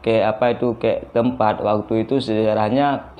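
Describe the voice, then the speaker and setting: A young man from Aceh, casually talking to viewers about a video he just watched, often pausing to search for words. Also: on the low side, steady tone, a little mellow. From Aceh, Indonesia. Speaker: reaction video host.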